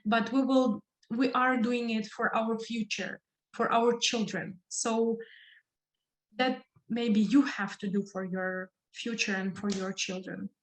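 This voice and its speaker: A Ukrainian woman with a fairly high, steady voice speaks slowly and haltingly, searching for words in non-native English. She gives an earnest impromptu speech in an online discussion from an echoey indoor room on a video call.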